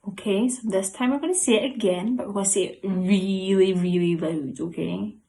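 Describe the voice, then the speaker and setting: A woman's voice: medium pitch, moderate pace, gravelly, dark tone, poor audio. A young woman leading a children's club session, upbeat and coaxing, now and then dropping to a whisper. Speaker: youth club leader.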